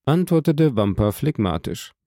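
A man narrating an audiobook in a measured, dramatic reading style. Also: medium pitch, very animated, mellow, no room sound, clean studio sound. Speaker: audiobook reader.

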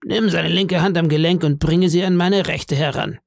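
A man voicing a menacing blind old sea beggar in an audiobook, speaking in a slow, eerie sing-song that sounds cruel and cold. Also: a little high, creaky, dry recording, studio quality, voice pushed up. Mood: commanding. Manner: slow, drawn-out wheedling delivery.

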